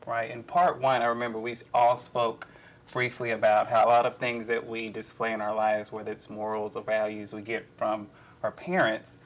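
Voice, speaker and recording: A man hosting a casual group discussion, speaking in a halting way with fillers and restarts. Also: on the low side, monotone. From Alabama. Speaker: host.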